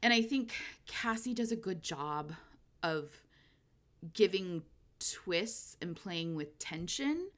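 A woman co-hosting a podcast, chatting casually about books in an animated way and laughing often. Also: on the low side, slow. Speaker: podcast co-host. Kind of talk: casual book discussion.

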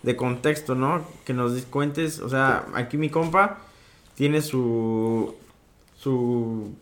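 A man co-hosting a casual chat, halting and restarting, laughing along. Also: medium pitch. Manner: hesitant, frequent restarts, laughing. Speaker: podcast co-host.

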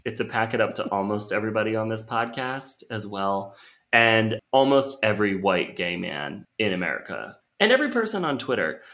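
A young man hosting a podcast, ranting in a casual, animated way with sudden leaps into a high voice. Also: normal speed. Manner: animated ranting with big pitch jumps. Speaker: podcast host.

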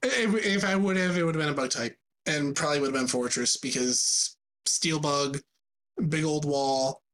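A podcast co-host chatting casually at a middle pitch. The delivery is playful and stop-start, with frequent false starts. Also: moderate pace, a bit bright. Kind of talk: casual chat.

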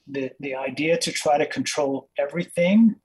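A man's voice: on the high side, moderate pace, darkish tone, husky, poor audio. A man who grew up in Kenya, a dentist speaking as an interview guest over a video call, earnest and reflective with many fillers. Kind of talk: casual interview.

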